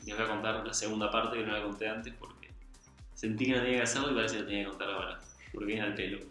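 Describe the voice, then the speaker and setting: A man's voice: mid-range voice, bright, forceful tone. A young man with an Argentine accent telling a personal story in an earnest, confiding, colloquial way. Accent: Argentine Spanish. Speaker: guest. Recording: very echoey room, faint music.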